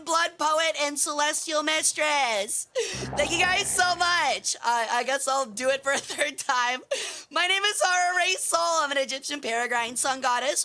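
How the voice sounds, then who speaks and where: A woman livestreaming in a cute anime-streamer manner, chatting with viewers in a bubbly, animated way and exclaiming her greetings. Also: sits high. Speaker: VTuber streamer, host.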